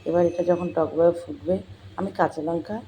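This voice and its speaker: A home cook with a voice gone hoarse from a cold, explaining a recipe step by step and addressing viewers as friends. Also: medium pitch, steady tone, fairly quick, warm tone, slight background noise. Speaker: home cook hosting a cooking channel. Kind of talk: cooking tutorial with step-by-step talk. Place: home kitchen. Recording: home kitchen with sizzling and clattering pans.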